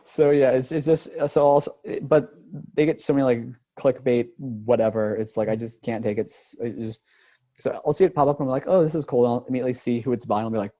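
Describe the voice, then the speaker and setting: Mellow-voiced man rambling on a podcast. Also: mid-range voice. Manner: rambling, lots of "like" and "just" restarts, quick laughs. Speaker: podcast co-host. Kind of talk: casual chat.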